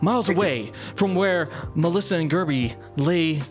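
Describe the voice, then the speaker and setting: A man's voice: fairly high pitch, normal speed, faint music behind. A man hosting and narrating a comedic story reading, playful and laughing at his own writing.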